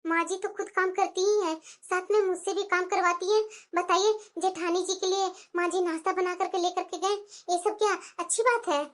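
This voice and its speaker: A woman voicing a young, newly married woman in a cartoon, soft-spoken and complaining. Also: very high voice, a little fast. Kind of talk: cartoon voice acting.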